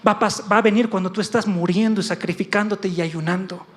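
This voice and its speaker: High-voiced preacher, impassioned sermon. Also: male voice, steady tone, fairly quick. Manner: impassioned, calls out to congregation, acts out God's voice.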